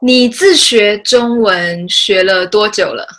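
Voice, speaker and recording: A woman's voice: mid-range voice, takes it slowly, a bit bright. A woman from Taiwan with a Taiwanese Mandarin accent, hosting a casual interview as a language teacher. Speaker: podcast host, Mandarin teacher.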